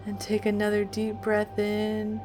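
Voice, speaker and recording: A woman leads a guided meditation at a very slow pace. Her delivery is calm and soothing, with deliberate phrasing and long pauses. Music plays clearly behind her medium-pitched voice.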